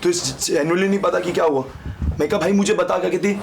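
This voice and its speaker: A man's voice: sits high, brisk, creaky, background noise. A young man in a heated relationship argument, insisting and defending himself, mixing English into his Hindi. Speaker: reality show contestant.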